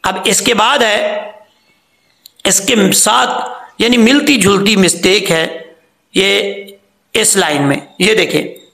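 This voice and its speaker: A man with a high, gravelly voice gives a Quran pronunciation lesson. He explains the rules plainly and draws out sounds slowly so learners can copy them. The room has an echo. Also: sharp tone. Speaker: Quran recitation teacher. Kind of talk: tajweed lesson.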